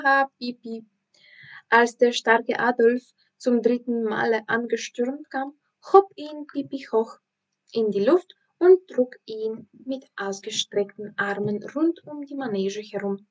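Slow careful woman narrating a storybook. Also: fairly high pitch. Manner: slow, careful, expressive reading. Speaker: language teacher reading aloud. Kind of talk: audiobook narration.

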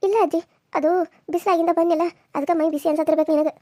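Woman doing a gentle, caring young village woman. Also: very high voice, steady tone, racing, no echo, clean studio sound. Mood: reassuring. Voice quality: soothing and reassuring. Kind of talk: cartoon serial voice acting.

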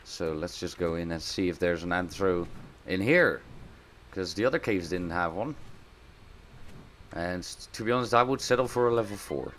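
A man hosting a let's play, giving casual gameplay commentary and bursting into loud surprised exclamations. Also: low voice, moderate pace, slight background noise.

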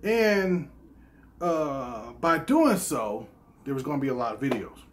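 A man's voice: mid-range voice, big pitch swings, a little slow. A man hosting a gaming channel, giving a casual, rambling update full of fillers and tag questions. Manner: rambling, filler-heavy, often adds "right?". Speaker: YouTube gaming channel host.

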